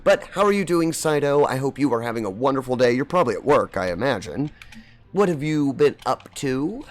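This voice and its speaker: A man's voice: mid-range voice, big pitch swings, brisk. A man streaming a game and chatting casually with viewers, his voice slightly scratchy from seasonal allergies. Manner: rambling, friendly, greets chat by name. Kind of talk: casual chat while gaming.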